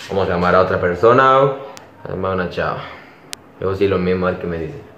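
A young man with a Central American Spanish accent and a fairly low voice talks casually as a vlog host. He is in a small bedroom that echoes, with slightly dull sound. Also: lively intonation, fairly quick, a bit bright. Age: young adult. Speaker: prank caller and video host. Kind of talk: casual vlog chat and phone prank. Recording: echoey, dull room sound, faint noise.

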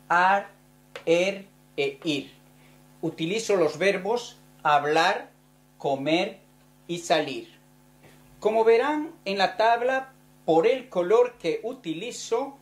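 A woman teaching a recorded grammar lesson, saying each verb form slowly and carefully. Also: fairly low pitch. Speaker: Spanish teacher.

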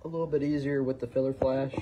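A man chatting casually as he demonstrates fly tying on a livestream, relaxed and full of trailing phrases. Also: medium pitch, fast talker, highs cut off, very noisy. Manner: relaxed, talks while working, fillers and trailing phrases. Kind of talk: casual instructional chat.

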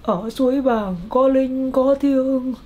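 A woman's voice: high voice, fairly even intonation, slow, warm tone, muffled recording. A woman playing a grieving old grandmother in a comedy skit, lamenting and scolding.

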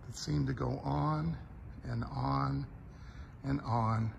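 A man's voice: mid-range voice, steady tone, slow, creaky, dull audio, a little hiss or hum. A man filming a casual walk-through of a vehicle museum on his phone, talking with awe about the collection. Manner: enthusiastic, awed. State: a bit sweaty after driving. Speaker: vlogger touring a vehicle museum. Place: large indoor vehicle warehouse.

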